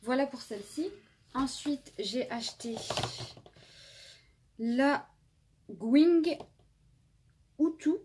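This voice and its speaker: A woman's voice: high-pitched, animated, extremely slow, pauses often, a little mellow, a little hiss or hum. A woman in her twenties casually reviewing makeup palettes as a beauty vlogger, chatty with many fillers and restarts, filmed on a phone indoors. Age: 20s. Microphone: phone camera.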